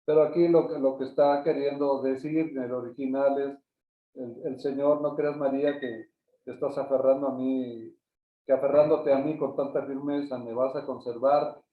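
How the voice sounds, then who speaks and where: A man, a pastor, teaching a Bible class in a halting way, often repeating words and ending phrases with a questioning tag. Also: mid-range voice, steady tone. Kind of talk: Bible study lecture. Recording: echoey, distant, phone-like sound.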